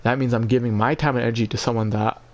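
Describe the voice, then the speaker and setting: A man venting casually on a livestream in an emotionally drained, halting, repetitive and profane way. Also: medium pitch, steady tone. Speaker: live streamer.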